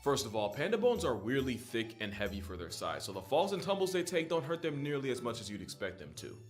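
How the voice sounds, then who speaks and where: A man's voice: medium pitch, big pitch swings, quick pace. A man delivering comedic scripted narration in a slangy, wry, conversational manner. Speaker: wildlife video narrator. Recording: music behind the voice. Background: background music.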